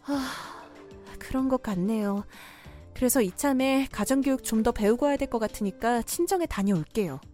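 A woman voices a young daughter-in-law in a cartoon story drama, courteous yet firmly standing her ground. Her high voice swings widely in pitch, with soft music underneath. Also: animated, normal speed, natural voice. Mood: defiant. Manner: polite at first, then pushes back firmly.

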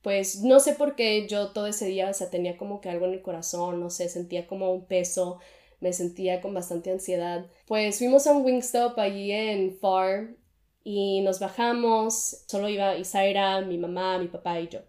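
A woman's voice: medium pitch, steady tone, normal speed, dark tone. A young woman, a podcast co-host telling a candid personal story in casual chat and mixing in English words. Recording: echoey room.

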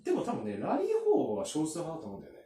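A man's voice: on the high side, huge pitch swings, mellow. A man in casual chat, telling stories at length with many fillers and asides. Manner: chatty, drawn-out storytelling with many fillers. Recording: roomy, from a distance.

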